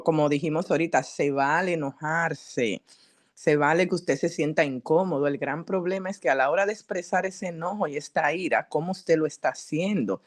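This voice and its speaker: A woman psychologist giving a teaching talk at a church, addressing the congregation directly and asking them questions in a lively, earnest way. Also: low-pitched. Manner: lively, earnest preaching delivery.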